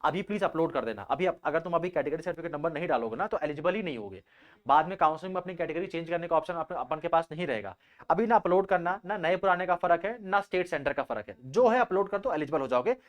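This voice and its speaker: A young man coaches students for an entrance exam, explaining things very fast in a casual, animated way. His voice sits fairly high for a man, and he keeps repeating points and calling his listeners bhaiya.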